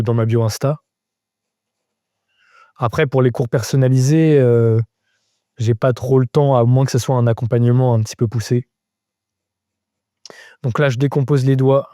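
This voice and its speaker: A man leads a live drawing lesson, thinking aloud as he sketches and breaking off to answer viewers in a casual way. His voice is mellow and relaxed, recorded dry with no room sound. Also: medium pitch, no room sound. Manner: thinks aloud while drawing, explaining step by step. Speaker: drawing teacher.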